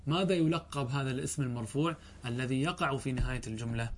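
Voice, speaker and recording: A man teaching a grammar lesson. He reads lines of a text slowly, then explains them, often asking a question and answering it himself. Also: medium pitch, slight background noise.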